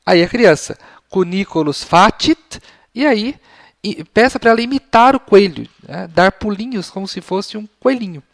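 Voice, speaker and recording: A man teaching Latin for young children to parents, patient and explanatory, his voice slightly failing as he often clears his throat. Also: high-pitched, expressive, no echo, clean studio sound. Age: adult. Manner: patient and explanatory, models phrases slowly. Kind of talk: explanatory lesson.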